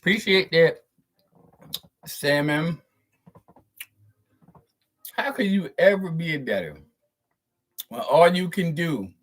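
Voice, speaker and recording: A man's voice: a little high, animated, takes it slowly, long pauses, a bit bright. A man hosting his channel, giving a profane spiritual monologue to viewers, stressing and drawing out words and chuckling between points. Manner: profane, preachy, emphatic. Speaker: channel host.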